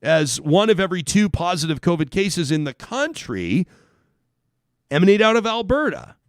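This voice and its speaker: A man's voice: high voice, normal speed, no room sound, studio quality. A man with a Canadian accent hosting a talk radio show, delivering an opinionated, sarcastic monologue. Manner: animated, sarcastic, swears casually. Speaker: radio host.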